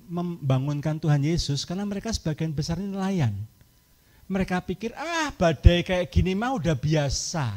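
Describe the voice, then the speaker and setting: A middle-aged man with a Javanese-tinged Indonesian accent, preaching a humorous, lively sermon at a women's camp and acting out people's voices. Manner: humorous, acts out congregants in high voices, mixes in Javanese words. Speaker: pastor, speaker at a women's camp.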